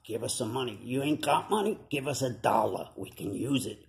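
A man doing a gravelly New York prairie dog puppet. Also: mid-range voice, lively intonation, a little fast, roomy sound. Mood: pleading. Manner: gravelly, chatty tough-guy patter with slang. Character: wisecracking male prairie dog puppet, streetwise hustler. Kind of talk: puppet comedy sketch. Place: home room with a bed.

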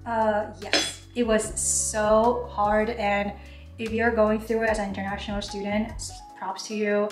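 Her voice is medium in pitch, fairly flat, and a little slow, picked up from far off by a camera across the kitchen counter. She's a talkative Taiwanese YouTuber in her 20s whose first language is Mandarin, doing a casual Q&A with frequent "like" fillers amid kitchen echo and background music.

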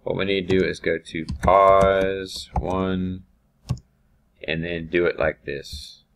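Low gravelly man talking through software. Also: little pitch movement, slow, slight background noise. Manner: thinking aloud, hesitant with ums and restarts. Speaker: automation instructor. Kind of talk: screen-recorded software tutorial.

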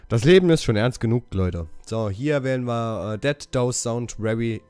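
A man giving a casual game walkthrough, haltingly reading out English dialogue options and correcting himself as he goes. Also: medium pitch, a little mellow, clean tone, no echo. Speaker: gaming channel host.

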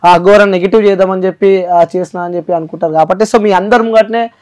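With a Telangana accent, the interview host talks fast in a high, steady voice that has a darkish tone. He drives his explanations home through emphasis and repetition, blending in English words.

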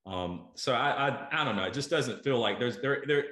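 Through earbuds on a roomy-sounding video call, a middle-aged man hosting a food show talks with a guest in a mid-range, fairly bright voice at a moderate pace. He thinks aloud, leaning on many fillers and repeated words.

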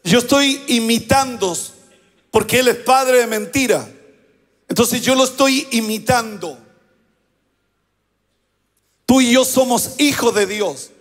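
A pastor delivering a sermon, prompting the congregation to repeat phrases back to him. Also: male voice, very high-pitched, takes it slowly, pauses often, in a large hall. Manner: preaching with call-and-response prompts to the congregation.

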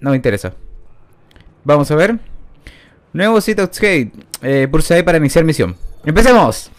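A man's voice: fairly high pitch, big pitch swings, moderate pace. A man, giving rambling, self-mocking gameplay commentary into a studio microphone. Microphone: new studio microphone.

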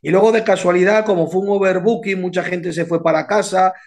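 A man's voice: high-pitched, fairly quick. A man, a boxing coach, telling anecdotes in a casual interview and acting out the quotes, often repeating his words as he goes. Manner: animated storyteller, repeats words, acts out quotes.

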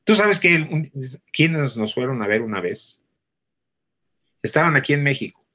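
Man, husky voice, lively pitch, animated storyteller. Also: unhurried. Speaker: theatre actor, interview guest. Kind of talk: conversational anecdote telling.

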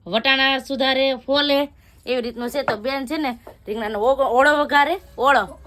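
A woman's voice: sits high, fairly even intonation, moderate pace, fairly bright tone. A woman narrating a casual family cooking vlog by a wood-fire stove at her village home, chatty and teasing. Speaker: family vlogger.

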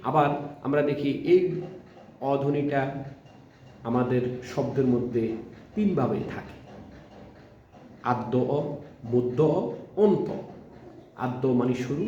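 A man with a Bangladeshi Bengali accent gives a classroom lesson in short, halting phrases, repeating each example word slowly. His voice is mellow and dark. He sounds far from the mic in a very echoey room, and the recording is dull with faint background noise. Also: mid-range voice. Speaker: college lecturer teaching Bengali pronunciation.

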